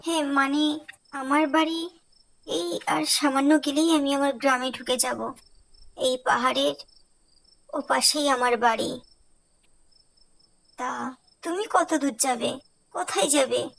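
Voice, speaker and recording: Cartoon heroine, young village woman: high, slow, anxious. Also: steady tone, gravelly, a bit bright, heavily acted, low-quality recording. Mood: calm. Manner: anxious, breathless questioning. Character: young village woman, tired and easily frightened. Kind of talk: cartoon voice acting.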